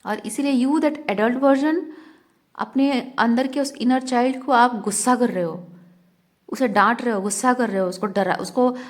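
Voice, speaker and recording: Soft-spoken woman giving reflective guidance. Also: a little high. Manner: slow, searching, mixes Hindi and English. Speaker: intuitive reader giving guidance. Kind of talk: reflective spiritual guidance monologue.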